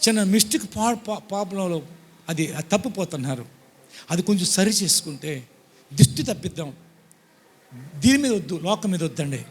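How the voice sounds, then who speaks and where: High-pitched preacher guy, pleads then gets loud, long hall echo. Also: expressive, normal speed, long pauses, husky. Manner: pleading and emphatic, swinging between loud bursts and soft asides. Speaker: pastor. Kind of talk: sermon.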